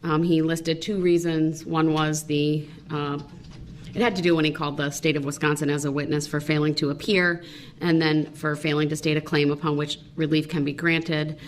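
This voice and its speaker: A woman judge giving firm, measured instructions and rulings, heard in a courtroom recording played back. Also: low voice, flat delivery. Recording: echoey, distant, noisy courtroom recording.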